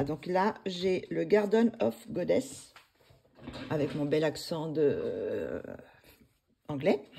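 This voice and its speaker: Hesitant woman chatting with a mellow voice. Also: lowish voice, creaky, slightly rough. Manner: hesitant, many fillers and restarts. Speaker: coloring book vlogger. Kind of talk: casual chat.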